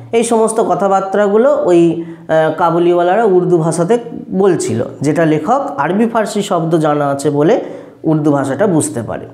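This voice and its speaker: A man's voice: high voice, a little mellow, reverberant. A male teacher explaining a school lesson, asking himself questions and answering them, often repeating phrases.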